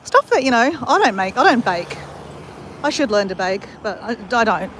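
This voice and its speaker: Strolling outdoors through a country town and beside a creek, an Australian woman casually vlogs, addressing her audience directly as "guys." She speaks at normal speed in a fairly high, bright voice with lively intonation, over a faint hiss or hum.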